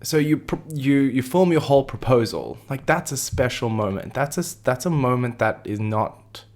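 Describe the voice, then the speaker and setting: A man co-hosting a casual podcast, animated and opinionated, often giggling between points. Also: mid-range voice, normal speed. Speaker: podcast co-host. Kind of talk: casual chat.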